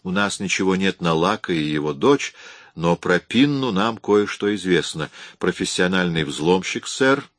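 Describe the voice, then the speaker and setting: A nervous, deferential private detective who reports dutifully to his boss, read by a man. The voice is deep, and the recording is dry and close. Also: lively intonation, measured pace, a bit bright, no room sound. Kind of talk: audiobook reading.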